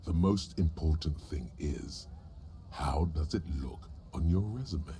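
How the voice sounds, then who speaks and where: An actor voicing a detective's grave, knowing inner voice as solemn, deliberate literary narration in a video game. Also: male voice, very deep voice, lively intonation, mellow, a little hiss or hum, exaggerated voice. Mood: ominous.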